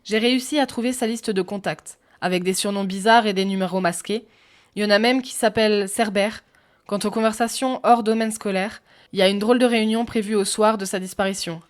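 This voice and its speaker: A woman voicing a cheeky, eager young male assistant who talks quickly and chattily. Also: medium pitch, steady tone, pitched above the performer's own voice, lightly acted. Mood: chatty.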